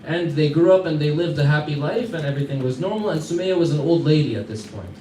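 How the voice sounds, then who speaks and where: American male teacher, casual storyteller who quizzes the class, slightly high voice, recorded from a distance. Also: fast, darkish tone. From United States. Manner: conversational, quizzes listeners, chuckles through anecdotes. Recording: echoey room, mic far off, faint background hum.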